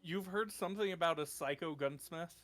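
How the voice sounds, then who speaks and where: A man narrating a tabletop game as game master, describing scenes in a relaxed way. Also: a little high, brisk.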